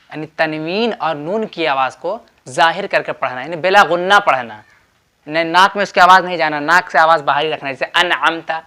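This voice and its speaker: Bright-voiced man teaching Quran recitation. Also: a little high. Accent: Urdu. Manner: repetitive, patient explaining with drawn-out sample words and quiz questions. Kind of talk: tajweed lesson at a board.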